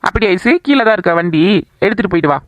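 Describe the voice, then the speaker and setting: A woman plays a tired young mother, gossiping quickly while she hushes her baby. She talks at a fast clip in a middle-pitched voice, and the recording is very dry and close. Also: no echo, natural voice. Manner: chatty, gossiping. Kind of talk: cartoon voice acting.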